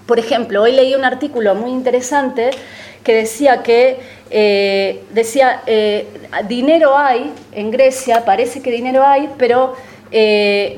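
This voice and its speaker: A woman addressing an audience in a political talk, her voice sitting a little high. She reasons step by step and in a measured way, often pausing on hesitant fillers as she builds her case. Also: darkish tone. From Argentina. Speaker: panel speaker on politics.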